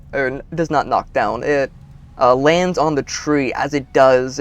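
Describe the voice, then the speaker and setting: A man's voice: mid-range voice, creaky, a bit bright, slight background noise. A man running a tabletop game, narrating scenes with some fillers. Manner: unhurried descriptive narration with fillers. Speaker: game master.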